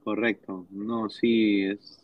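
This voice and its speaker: A man co-hosting a casual sports podcast, teasing his co-hosts and often trailing off into quiet mutters. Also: on the low side, flat delivery, slow pace, crowd noise. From Peru. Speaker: podcast co-host. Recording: dry, slightly muffled sound.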